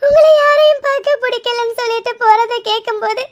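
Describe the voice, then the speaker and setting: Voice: very high voice, a little fast, muffled recording. A voice actor playing a grieving middle-aged mother in a cartoon, sobbing and pleading for her lost daughter.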